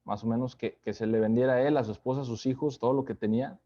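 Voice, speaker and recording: Guy doing a chatty bible study sermon, mid-pitched warm voice, lots of little tag questions, bit muffled. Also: fairly even intonation. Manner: unhurried, talks to listeners with tag questions and restarts.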